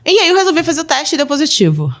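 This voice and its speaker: Animated woman telling family stories. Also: sits high, racing. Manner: animated, acts out her children's voices, laughs often. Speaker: podcast guest, mother of twelve. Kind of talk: casual storytelling interview.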